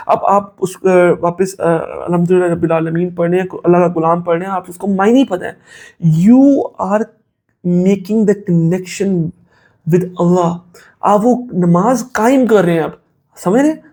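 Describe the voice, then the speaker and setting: A man's voice: high voice, creaky, darkish tone. A man giving a casual spoken talk on faith and self-control, mixing in English phrases and checking in with "make sense?". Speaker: Islamic motivational speaker.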